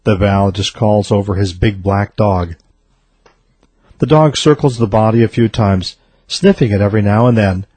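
A man reading a string of jokes aloud in a deadpan way. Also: on the low side, moderate pace, husky, dry recording. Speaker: joke teller.

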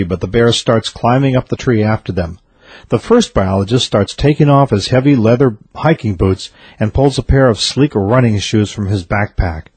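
A man reading a string of jokes aloud in a deadpan way. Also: medium pitch, husky, no room sound. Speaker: joke teller.

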